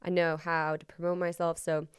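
A young woman, a ski racer hosting her own podcast, talks through her thoughts in a casual, rambling way with many likes and ums, and she is a little sick and hoarse. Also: lowish voice, flat delivery, normal speed, dry recording, studio quality. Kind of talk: casual reflective monologue.

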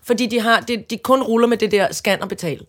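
A woman in her fifties from Denmark, co-hosting a casual comedic chat, telling stories with animated rants. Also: fairly high pitch. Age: 50s. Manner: animated storytelling with loud mock-angry outbursts and put-on voices. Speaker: podcast co-host.

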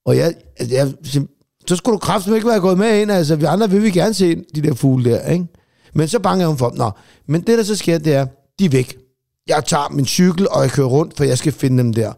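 Gravelly dark-voiced man telling anecdotes. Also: a little high, lively intonation. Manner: rambling anecdotes with lots of swearing. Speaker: podcast co-host. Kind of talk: casual chat, storytelling.

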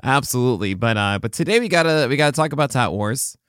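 A man co-hosting a podcast in casual chat, slightly hoarse, rambling and correcting himself as he goes. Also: medium pitch, lively intonation, fast talker, a bit bright, no echo, studio quality. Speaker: podcast co-host.

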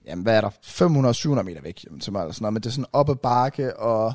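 A young man casually retelling a long night out on a podcast, rambling and animated with many restarts. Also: fairly low pitch, dry recording, studio quality. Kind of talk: casual storytelling chat.

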